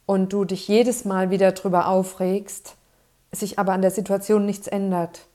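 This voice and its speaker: Calm, dark-voiced woman coaching listeners. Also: mid-range voice. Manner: calm, persuasive, with frequent "ja" tags and small restarts; measured, repeats set phrases for emphasis. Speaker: life coach. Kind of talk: spoken self-help talk addressing the listener.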